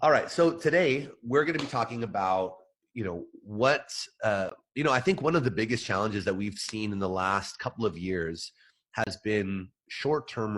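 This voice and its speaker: Nasal, stuffed-up man hosting a podcast. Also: on the low side. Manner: relaxed, filler-heavy, friendly. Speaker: podcast host. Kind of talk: casual podcast chat.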